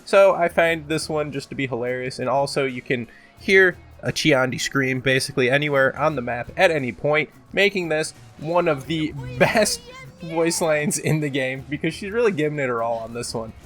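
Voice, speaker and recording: A man casually hosts a gaming top-ten countdown, joking, exaggerating and swearing a bit while belting out game voice lines. His voice is a little high and fairly bright at normal speed, with soft background music.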